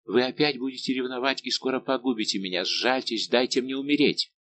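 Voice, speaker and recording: A man voicing a fragile, heartbroken young woman who pleads softly, in an audiobook. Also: medium pitch, steady tone, brisk, a little hiss or hum, lightly acted. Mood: pleading.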